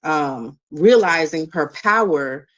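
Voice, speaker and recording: A woman's voice: low-pitched, animated, slow. A woman guest on a panel, making her point carefully and hesitantly. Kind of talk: measured panel discussion.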